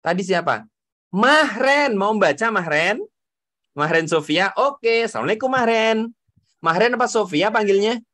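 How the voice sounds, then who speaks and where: Young man, children's teacher, high voice, slow careful speech, playful, encouraging. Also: expressive, sharp tone, dry recording. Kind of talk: children's lesson.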